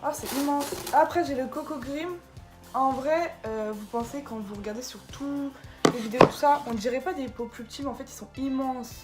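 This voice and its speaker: A woman's voice: sits high, normal speed, loud music behind the voice. A woman chatting casually through an unboxing video, tripping over product names as she shows them. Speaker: beauty vlogger. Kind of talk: casual unboxing haul vlog.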